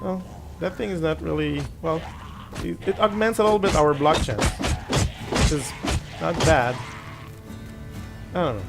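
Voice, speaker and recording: A middle-aged man who grew up speaking French hosts a gaming channel, his slightly high voice animated yet a little slow, creaky, and broken by frequent pauses. As game music plays, he casually comments on his gameplay, musing aloud with restarts and self-deprecating asides.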